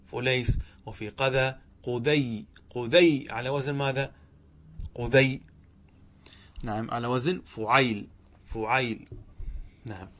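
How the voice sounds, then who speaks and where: A man teaching Arabic grammar to a class. He speaks slowly and deliberately, drawing out example words, repeating them, and asking the class questions. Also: medium pitch, a bit bright. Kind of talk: classroom lesson explaining a text.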